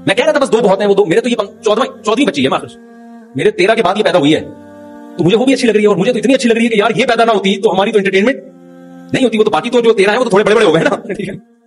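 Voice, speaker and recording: A middle-aged male cleric delivers an informal religious talk at a quick clip, his voice sitting high. He tells funny anecdotes and chuckles through them, with faint music underneath. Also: animated. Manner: humorous, anecdotal, chuckles while telling stories. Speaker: Islamic cleric giving a talk.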